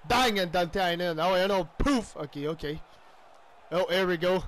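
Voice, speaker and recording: A man with a Quebec French accent giving excitable play-by-play commentary on his own hockey video game, with loud outbursts and English exclamations. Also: high-pitched, slow. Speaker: gaming YouTuber.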